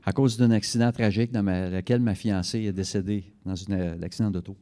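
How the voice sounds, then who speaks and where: A man's voice: fairly low pitch, fairly even intonation, a little fast, warm tone. A man interpreting a guest speaker's talk into French for a church congregation, fluent with occasional self-corrections. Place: church service.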